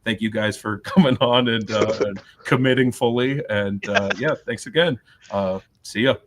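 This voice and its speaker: A man's voice: fairly low pitch, normal speed, a bit bright, a little hiss or hum. A man hosting a markets livestream, wrapping up loosely with lots of fillers. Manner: laughing, filler-heavy talk. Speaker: show host. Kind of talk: casual livestream sign-off.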